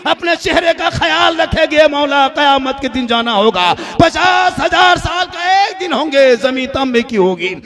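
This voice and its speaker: High-voiced impassioned male preacher. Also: expressive, measured pace, hardly any pauses, a crowd in the background. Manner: impassioned, chanting rhythm, often shouting. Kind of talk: emotional sermon storytelling.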